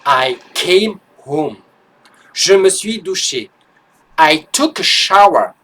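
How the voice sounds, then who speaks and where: A man teaching English in an online lesson, patiently explaining grammar and repeating each phrase slowly and clearly for learners. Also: high-pitched, animated, bright, forceful tone, slight background noise.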